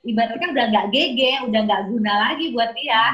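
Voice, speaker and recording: A woman in casual conversation, talking about her child and lively acting out the things people say to him. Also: a little high, fairly quick, roomy sound, rough recording. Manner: lively, acts out quoted dialogue. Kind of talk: casual chat.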